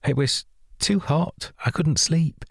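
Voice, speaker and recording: A man's voice: on the high side, takes it slowly, creaky, breathy edge, no room sound, clean studio sound, voice pushed up, heavily acted. A man reading an audiobook and voicing a tearful, apologetic young woman in a raised, pleading voice.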